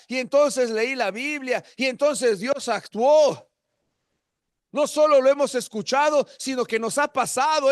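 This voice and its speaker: A man preaching in with a very high voice, his delivery rising from quiet, searching questions to full shouts of praise. The sound is close and dry, with no room around it. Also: no echo. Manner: impassioned, swinging from hushed to shouted. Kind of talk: sermon.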